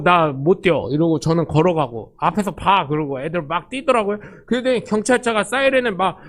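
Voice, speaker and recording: A male pastor preaching a sermon, telling stories and acting out the quotes in them. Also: sits high. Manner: storytelling, animated, acts out quotes.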